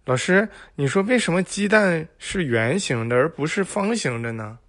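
A man voicing a dim-witted, earnest, naively excited schoolboy in a corny dad joke. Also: a little high, normal speed, voice pushed up. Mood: naive curiosity. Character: dim-witted, enthusiastic male kidnapper as a schoolboy.

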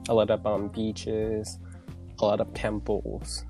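A man's voice: lowish voice, monotone, slow, dark tone, faint music behind, low-quality recording. A man from Thailand with a Thai accent, speaking English as a second language, chatting casually as a guest and searching for words as he goes. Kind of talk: casual chat.

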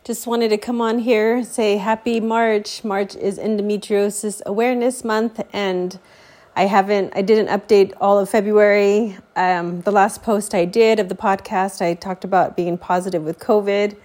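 A woman's voice: mid-range voice, fairly even intonation, moderate pace, a little mellow. A congested woman podcaster giving a candid, rambling personal update at home, with frequent fillers and restarts.

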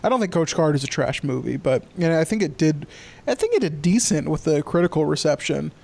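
A man's voice: fairly high pitch, lively intonation, fairly quick, creaky, darkish tone. Young man chatting, lots of "like". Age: young adult. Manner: filler-heavy, lots of "like". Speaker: podcast co-host. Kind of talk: casual chat.

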